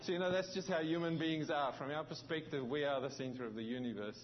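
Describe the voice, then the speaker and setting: A man from South Africa, his voice on the high side, preaches as a visiting pastor in a South African accent with a New Zealand tinge. He halts often, restarting and using fillers. The recording has its highs cut off and slight background noise.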